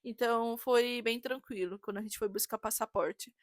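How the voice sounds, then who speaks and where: A woman's voice: fairly high pitch, moderate pace, no room sound, studio quality. A woman, telling a story casually and animatedly as a vlogger. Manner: chatty, animated, re-enacts dialogue.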